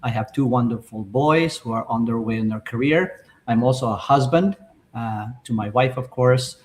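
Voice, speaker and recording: Older man, from the Philippines, average pitch, podcast guest, polite, many uh fillers. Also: moderate pace. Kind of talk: podcast chat.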